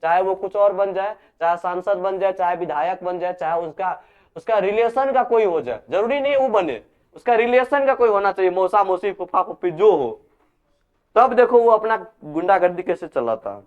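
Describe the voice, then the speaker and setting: Male teacher, high smooth voice, quizzing students through a lecture on a lo-fi recording. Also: animated, normal speed. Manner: repeats key terms as questions, scolds students. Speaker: physics teacher. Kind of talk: classroom lecture. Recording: dull lo-fi recording.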